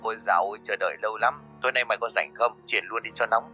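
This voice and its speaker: A brash older cousin fires off quick, blunt words at a soft level, as a man voices him. His voice is low. Faint music runs under the horror audio story. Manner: quick, quiet, blunt talk.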